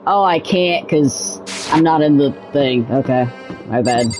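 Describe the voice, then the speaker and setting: A woman's voice: sits low, measured pace, low-quality recording. Laid-back young woman playing a game. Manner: rambling, laid-back, self-correcting. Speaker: let's play host. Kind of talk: casual gameplay commentary. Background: game music.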